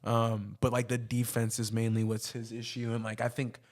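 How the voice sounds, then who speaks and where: A man's voice: medium pitch, completely flat delivery, moderate pace, darkish tone. A man hosting a sports podcast, giving his opinions in casual, conversational, slangy talk.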